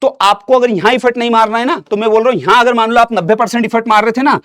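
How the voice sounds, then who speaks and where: Fast-talking young male teacher, high voice. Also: fairly even intonation, a bit bright, no echo, clean studio sound. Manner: addresses students as a big brother, repeats and asks rhetorical questions. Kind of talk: online exam-prep lesson.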